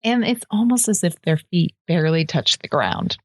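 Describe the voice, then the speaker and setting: A woman's voice: on the low side, lively intonation, moderate pace, dry recording. A woman co-hosting a podcast in casual chat, explaining things with vivid images. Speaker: co-host.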